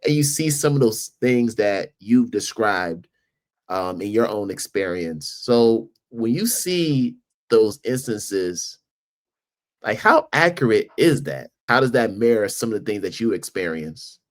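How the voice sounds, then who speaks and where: A man's voice: lowish voice, big pitch swings, measured pace. A man hosting a podcast asks his guest questions in a casual, conversational way and offers short affirmations while she talks. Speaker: podcast host. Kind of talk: interview conversation.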